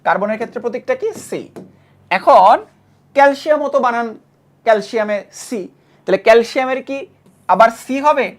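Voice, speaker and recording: Bangladeshi lady teacher, keeps repeating stuff and asking the class quick questions. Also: a little high, lively intonation. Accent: Bangladeshi Bengali. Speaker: chemistry teacher. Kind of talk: classroom lecture.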